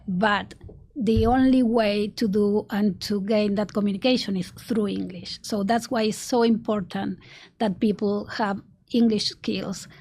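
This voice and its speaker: An Argentine woman, a native Spanish speaker and marketing executive, answers interview questions earnestly, restarting often and laughing softly. Her medium-pitched voice holds a steady tone at an unhurried pace, with slight background noise.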